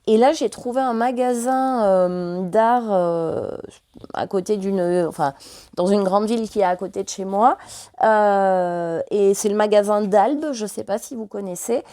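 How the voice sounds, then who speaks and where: A woman's voice: medium pitch, a little slow, warm tone, no echo, studio quality. A French woman vlogger chatting casually and hesitantly, full of fillers, while showing her purchases. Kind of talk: casual chat.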